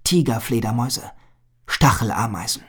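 A man voicing a thoughtful, cautious young male animal hero, speaking quietly and sometimes half in a whisper. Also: medium pitch, normal speed, breathy edge. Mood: wary. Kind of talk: storybook reading.

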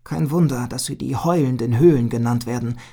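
A woman voicing a young male bird who is eager to prove his courage, in a high boyish voice. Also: brisk, mellow.

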